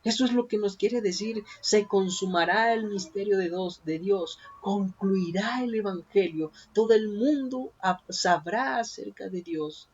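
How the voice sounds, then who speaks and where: A man's voice: sits high, unhurried, few pauses, slightly rough. A man preaching a sermon on prophecy, asking his listeners many questions and calling them brothers. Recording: dull lo-fi recording.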